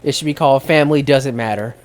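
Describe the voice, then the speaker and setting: A woman's voice: very deep voice, fast, darkish tone, faint music behind. A woman streaming and chatting casually with her co-host and viewers. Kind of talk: casual live stream chat.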